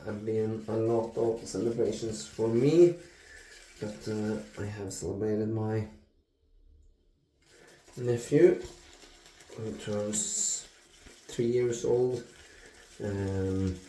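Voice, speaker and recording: A man in his thirties talks through his shave at a slow, unhurried pace, with plenty of ums and restarts. His voice is mellow and relaxed. The sound bounces around an echoey bathroom. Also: on the low side, a little hiss or hum. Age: 30s. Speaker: shaving video host. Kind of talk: casual talk-through vlog. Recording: echoey room.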